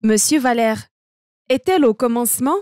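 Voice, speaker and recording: A woman reading a language textbook aloud, with both the teacher's and the students' lines in a deliberate manner that also speaks out the notation. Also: on the high side, darkish tone, no room sound, clean studio sound. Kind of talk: slow textbook read-aloud.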